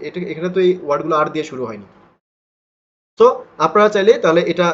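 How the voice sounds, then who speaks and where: A man's voice: a little high, muffled recording. A man whose first language is Bengali, teaching English pronunciation in an online lesson and repeating model words step by step.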